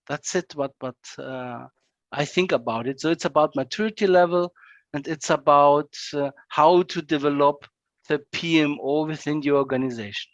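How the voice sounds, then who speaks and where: A man speaks as an interview guest, fairly high for a man and recorded dry and close. He repeats words as he thinks and tags his phrases with "yeah". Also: normal speed, no room sound, muffled recording. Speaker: guest, project management executive. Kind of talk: casual video-call interview.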